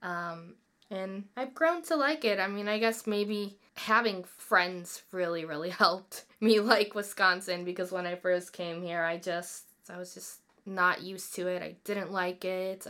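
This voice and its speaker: A woman in her twenties co-hosts a podcast, chatting and rambling casually about personal things and often correcting herself mid-sentence. Her mid-range voice is a little slow with a sharp tone.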